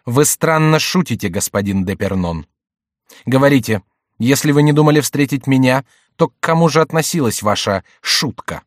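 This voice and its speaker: A man's voice: medium pitch, animated, moderate pace, dry recording, studio quality, voice pushed up, natural voice. A man voicing a haughty young royal duke who speaks sternly and menacingly, in a raised voice.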